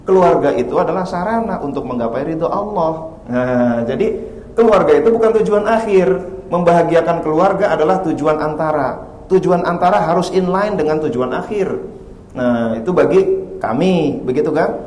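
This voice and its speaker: A man's voice: a little high, normal speed. A man giving a religious motivational talk at a workplace seminar, telling stories and acting out the dialogue. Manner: animated storytelling, acts out dialogues. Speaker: speaker at a workplace spirituality seminar. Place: office tower event hall. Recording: echoey hall with faint noise.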